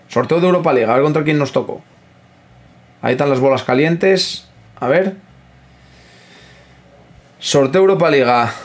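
A man commentating his own football video game, excitable, swearing freely and talking to his chat. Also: fairly high pitch. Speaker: gaming streamer. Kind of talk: live gameplay commentary.

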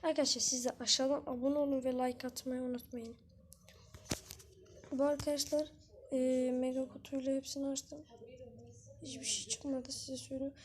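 A woman with a notably high voice commentates her match live, chatty and excitable. She coaxes the game characters and snaps with rough outbursts when things go wrong. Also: moderate pace, long pauses, a little hiss or hum. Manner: frustrated outbursts with swearing. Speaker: gaming channel host.

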